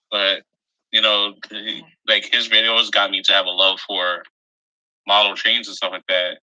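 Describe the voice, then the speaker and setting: A man from Pennsylvania in a casual video call chat, halting and full of fillers. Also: fairly low pitch, bright, forceful tone, rough recording.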